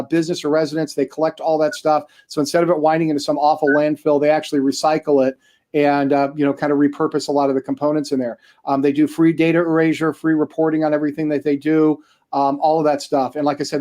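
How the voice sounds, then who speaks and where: A man's voice: a little high, warm tone. A man hosting a live-streamed interview show, talking casually in a chatty, rambling way with lots of fillers.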